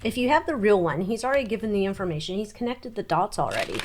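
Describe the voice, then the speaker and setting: A woman giving an informal psychic tarot reading, thinking aloud in short, halting phrases and muttered questions. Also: mid-range voice, very animated, noisy background.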